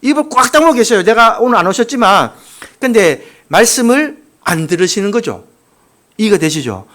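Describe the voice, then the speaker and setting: A man with a Gyeongsang accent preaching a sermon as a church pastor, emphatic and folksy, telling stories and dropping suddenly into quiet asides. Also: sits high, sing-song, moderate pace. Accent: Gyeongsang Korean.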